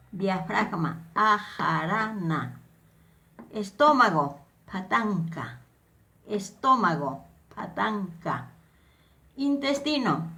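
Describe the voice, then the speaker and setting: Slow, bright-voiced woman teaching vocabulary. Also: mid-range voice. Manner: slow, careful enunciation of each word. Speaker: language teacher. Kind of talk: vocabulary lesson, word and translation repeated.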